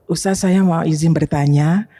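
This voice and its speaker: A woman in the audience asks the preacher a question, polite and formal. Her voice sounds dark and mellow, with long reverb from the hall. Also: low voice, fairly even intonation, normal speed. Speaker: audience member asking a question.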